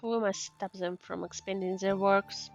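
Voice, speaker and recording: With a creaky, medium-pitched voice at a steady tone and moderate pace, another female streamer casually comments on a game. She reads out on-screen text, thinks aloud and murmurs acknowledgements through a muffled mic, faint game music underneath.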